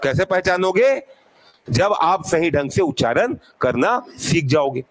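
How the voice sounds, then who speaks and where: Male teacher, high voice, unhurried drilling, asks and answers himself. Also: big pitch swings. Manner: repeats sounds slowly to demonstrate. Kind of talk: classroom grammar lesson.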